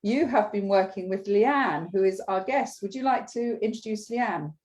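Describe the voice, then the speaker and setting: A woman hosting a livestreamed business chat, enthusiastic and talking with frequent ums and pauses. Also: medium pitch, a little mellow, low-quality recording. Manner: enthusiastic, hesitant with many ums. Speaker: host.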